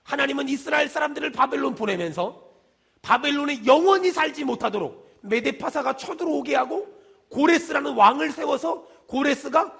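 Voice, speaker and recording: A man's voice: very high-pitched, lively intonation, brisk, vocal fry, a bit bright. A middle-aged male pastor preaching in a church, repeating refrains with fervor and mixing in folksy stories addressed straight to the congregation. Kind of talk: sermon. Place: church sanctuary.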